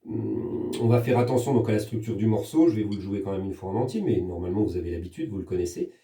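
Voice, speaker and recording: A man's voice: lowish voice, fast talker, dark tone. A French man teaching a percussion lesson, explaining patiently step by step and counting hand patterns aloud. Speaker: music teacher. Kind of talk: recorded percussion lesson for pupils. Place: room at home with a practice pad. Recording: echoey room, voice from a distance.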